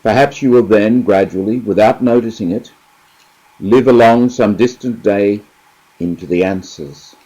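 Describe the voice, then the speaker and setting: A middle-aged man, giving a reflective spiritual talk and reading a story, slow and measured, pausing between phrases. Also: on the low side, dark tone, breathy edge, poor audio. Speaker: spirituality teacher.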